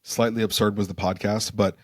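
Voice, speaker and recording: Young guy guesting on a podcast, kinda low voice, dry close mic, laid back, lots of um and like. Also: a little fast, no room sound. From Germany and Arizona. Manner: relaxed, reflective, many restarts and fillers. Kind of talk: casual interview conversation.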